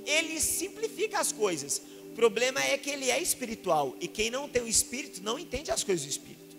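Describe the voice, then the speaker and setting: A male pastor from Minas Gerais with a Mineiro accent, preaching an animated sermon full of rhetorical questions and acted-out exchanges. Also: very high-pitched, fast, creaky. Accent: Mineiro Brazilian Portuguese. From Minas Gerais, Brazil. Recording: reverberant church hall with music behind.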